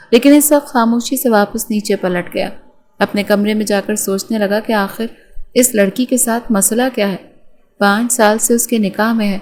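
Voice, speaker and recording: A woman reading a romance novel aloud as an audiobook narrator, in a steady storytelling manner. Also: medium pitch.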